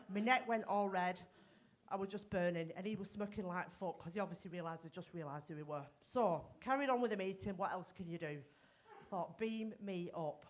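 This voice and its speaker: A middle-aged woman from North West England, performing a bawdy, self-mocking stand-up comedy set at a live gig. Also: medium pitch.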